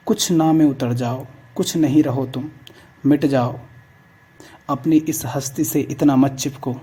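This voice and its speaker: A man giving a calm, measured spiritual discourse, urging listeners again and again to let go. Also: mid-range voice, husky. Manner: calm, measured preaching with repeated exhortations. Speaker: spiritual speaker.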